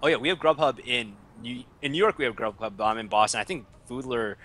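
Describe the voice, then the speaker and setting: A man's voice: mid-range voice, quick pace, fairly bright tone. A tired young man casting an esports match in a rambling, joking, self-mocking way, with faint music behind. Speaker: esports caster. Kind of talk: casual esports commentary.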